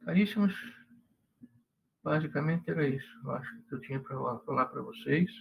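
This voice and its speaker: Older male professor, fairly high voice. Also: normal speed, gravelly, highs cut off. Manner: conversational, asks "né?" and "entendeu?" often; mixes in Italian phrases. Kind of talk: lecture to students.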